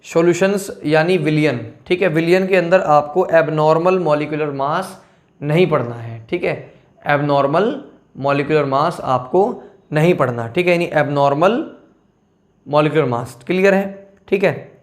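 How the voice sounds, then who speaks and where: A man with a fairly high voice explains a syllabus to students in a casual, talky lesson. He checks in with "theek hai" after nearly every point and calls them children. His pace slows sharply whenever he reads out technical terms. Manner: switches between slow read-out terms and quick asides.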